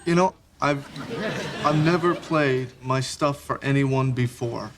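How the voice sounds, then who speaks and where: An actor playing an awkward, showy amateur musician in a sitcom scene. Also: male voice, medium pitch, slow pace, loud music behind the voice. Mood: shyly self-important. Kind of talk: sitcom acting.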